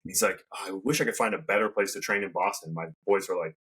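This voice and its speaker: A man hosting a podcast, talking in a quick, emphatic, coaching way. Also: low voice, sharp tone, slightly rough. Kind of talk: casual podcast conversation.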